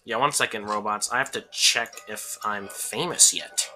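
A woman's voice: rumbling low, normal speed, background noise. A woman doing goofy let's-play commentary on a game, rambling jokes and laughing often. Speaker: gameplay YouTuber.

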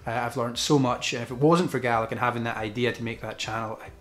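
A young Scottish man speaks informally to camera indoors. His pitch is average and his intonation stays quite flat. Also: fast talker, soft background music. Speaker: gaming video creator. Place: small indoor room with desk.

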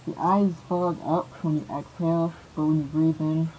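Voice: medium pitch, little pitch movement, moderate pace, mellow, a little hiss or hum, low-quality recording. A person speaking through a gas mask, giving a plain, offhand casual product review.

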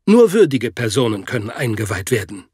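A man plays a gentle keeper of an old secret in an audiobook drama. He speaks mildly, with a lively rise and fall and a slightly husky tone, dry and close. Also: mid-range voice, fairly quick, dry recording, pitched below the performer's own voice. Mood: calm. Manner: mild and explanatory. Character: adult male guardian of a secret, calm and gentle.

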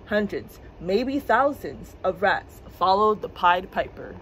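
A woman storyteller for children's story time, expressive and clear, with a mid-range voice and a faint hum behind her. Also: medium pitch, slow pace, poor audio. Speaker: librarian storyteller. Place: public library.

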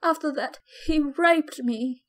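A woman doing a dying mother in an audiobook, her voice raised high and strained as she gasps for air. She speaks faintly and in pain, fading in and out. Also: slow pace. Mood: agonized. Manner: breathless, faint, pained. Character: dying mother, gasping in agony.

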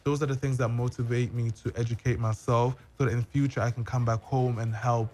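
A man's voice: medium pitch, flat delivery, a little fast, darkish tone, soft background music. A young man from Germany speaks on a studio mic in a small radio room. He talks earnestly and at length, his sentences stitched together with casual fillers. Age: young adult. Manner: earnest, talks in long runs with many "like"s. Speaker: guest blogger. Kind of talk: casual podcast conversation. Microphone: studio mic with headphones.

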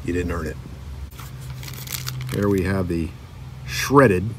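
A man's voice: low-pitched, slow. A middle-aged man casually showing toy cars from his collection, chatting and reading the card backs aloud. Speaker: diecast collector vlogger. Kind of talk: casual show-and-tell narration. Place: outdoor table by a lake on a windy day. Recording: distant mic with wind noise.

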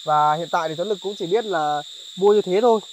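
A man hosting a charity vlog outdoors in a highland village, talking politely to viewers with many fillers. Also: fast, slight background noise, poor audio. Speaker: charity vlogger. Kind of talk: vlog narration and chat on location.

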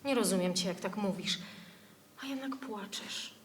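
A woman's voice: mid-range voice, moderate pace, slight background noise, close to an everyday voice. An actress playing a passionate woman revolutionary and lover, speaking in a reproachful, intense way. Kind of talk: staged theatre reading.

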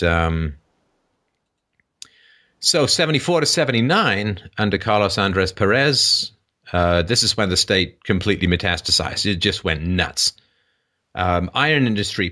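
Forceful low-voiced male talk host. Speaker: call-in show host. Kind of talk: explanatory monologue to a caller.

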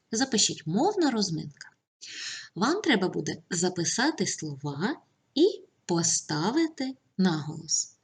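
A woman teacher giving an online grammar lesson to pupils, speaking clearly and patiently with instructions. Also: medium pitch.

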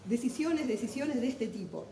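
In a cavernous hall with lingering reverb, a middle-aged woman from Argentina addresses a book fair audience as a literary translator on a panel. Her fairly high, mellow voice is expressive and a bit creaky, and she speaks quickly and intensely, poking fun at herself in this lively talk. A little hiss or hum sits underneath.

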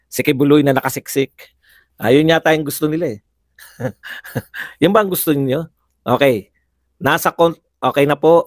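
A man's voice: mid-range voice, dry recording, studio quality. A man hosting a live political commentary show, chatty, laughing often and firing rhetorical questions at viewers.

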